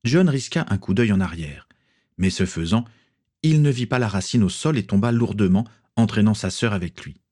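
A man reading a story aloud with a low, husky voice. His delivery is steady and measured, suited to a long audiobook. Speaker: narrator. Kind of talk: audiobook narration.

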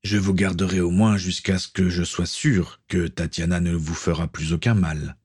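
A man's voice: low voice, little pitch movement, moderate pace, darkish tone, breathy edge. A man voicing a stern middle-aged pirate captain, an uncle who speaks with firm authority.

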